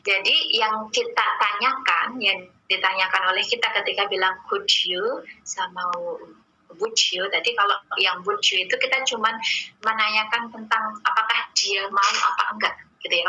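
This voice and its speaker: A woman English teacher in an online class, reading out each example slowly before explaining it. Her voice is very bright and edgy, with a husky, breathy grain. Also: medium pitch, poor audio. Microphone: video call or computer mic.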